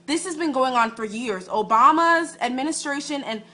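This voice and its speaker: A woman's voice: high voice, animated, moderate pace, bright, forceful tone. A woman giving emphatic commentary.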